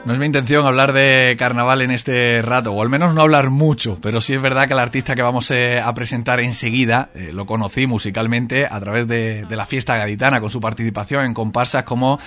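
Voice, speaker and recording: A man hosts a radio interview. His voice sits at an ordinary middle pitch, and his delivery is measured, with frequent filler sounds between phrases. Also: steady tone, fairly bright tone. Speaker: radio host.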